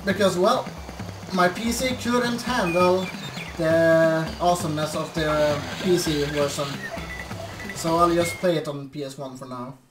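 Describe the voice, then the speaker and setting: A young man giving casual, hesitant, low-key gameplay commentary. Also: measured pace. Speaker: let's play host. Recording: echoey, distant mic, game audio. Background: video game music.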